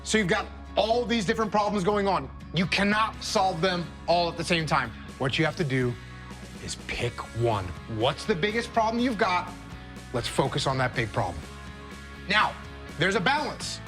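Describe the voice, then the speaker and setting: Brief: male leadership speaker, slightly high voice, punchy and emphatic, faint music underneath. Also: lively intonation, moderate pace. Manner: emphatic, with sharp rises in pitch and sudden drops to a low, quiet voice. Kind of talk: motivational leadership talk.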